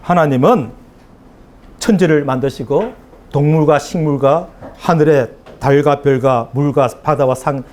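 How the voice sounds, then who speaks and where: Male preacher, slightly high voice with a very animated pitch range; conversational sermon delivery with acted mini-dialogues. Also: a little hiss or hum. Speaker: pastor. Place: church hall with congregation.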